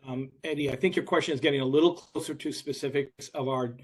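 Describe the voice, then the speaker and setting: A man's voice: medium pitch, fairly even intonation, quick pace. A man speaking for a utility on a video call, polite, formal and carefully worded. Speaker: utility representative. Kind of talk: formal workshop remarks.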